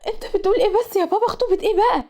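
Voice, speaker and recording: A woman's voice: high-pitched, animated, rapid-fire, warm tone. A woman voicing a sulky young female student with an Egyptian accent, complaining dramatically. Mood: whiny. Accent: Egyptian Arabic. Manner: whiny, exaggerated complaining.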